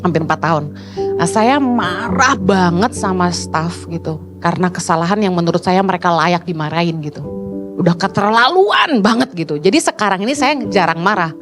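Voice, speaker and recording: A middle-aged woman pastor preaching a sermon in an animated way, acting out quoted people in high voices. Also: moderate pace. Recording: music playing behind the voice.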